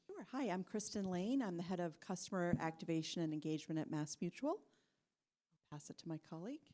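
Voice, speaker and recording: On a conference stage before an audience, a marketing executive answers questions in a conversational panel discussion. Her voice is low and mellow, expressive and a little fast, and she chats along with fillers and light laughs.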